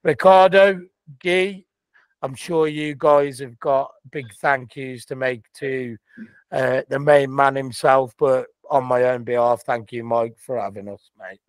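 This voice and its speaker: A man hosting a casual online chat over a video call, talking in animated, punchy bursts. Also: medium pitch, a little slow, clean tone, dry recording. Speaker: host.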